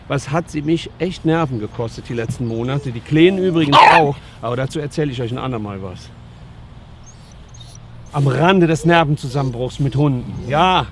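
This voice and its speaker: A man who works as a dog trainer, giving lively casual commentary outdoors as he talks to the dogs and to his viewers. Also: mid-range voice, moderate pace, background noise.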